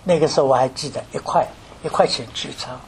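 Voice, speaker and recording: An older man from mainland China preaching a sermon, posing rhetorical questions and telling his story with animated emphasis. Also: mid-range voice, quick pace, vocal fry, husky.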